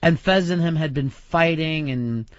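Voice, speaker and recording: Higher-voiced male radio host, dry sound. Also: unhurried, no echo. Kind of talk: casual radio banter. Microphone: studio microphone. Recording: dry, dull lo-fi radio audio.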